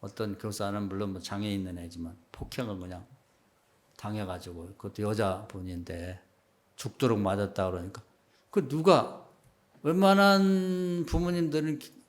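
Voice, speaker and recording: A middle-aged man preaching a sermon as pastor, in a conversational style that rises to loud emphatic peaks and drops to quiet asides. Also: fairly even intonation, normal speed. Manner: conversational preaching, acts out quoted remarks in a low hushed voice.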